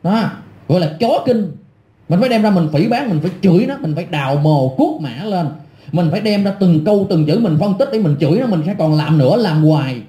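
A man's voice: high-pitched, animated, a little fast, dark tone, roomy sound. A middle-aged man delivering an angry, scornful rant full of insults and repetition. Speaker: online commentator. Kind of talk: angry ranting monologue.

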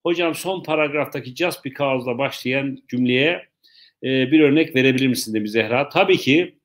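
Teaching English live over the internet, this man talks at an unhurried pace and repeats his explanations. He jokes about the questions viewers send in, speaking at a medium pitch.

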